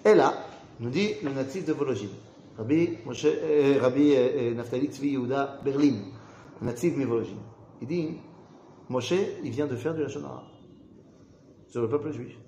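A man's voice: mid-range voice, moderate pace, pauses often, dark tone, reverberant, highs cut off, slight background noise. A man teaching an interactive Torah class, putting questions to the group and acting out the people he quotes.

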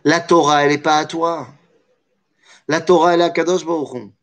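A man's voice: a little high, little pitch movement, a little fast, fairly bright tone. A man teaching a Torah study lesson, explaining with animation, weaving in Hebrew terms and jokey asides.

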